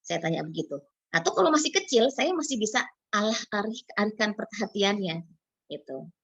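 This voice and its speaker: A woman's voice: medium pitch, animated, fairly quick, vocal fry, slightly rough, no room sound. A woman psychologist explaining child development in an online talk, acting out parents and children in little quoted lines. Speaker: psychologist speaker. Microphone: video call. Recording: dull lo-fi video call audio.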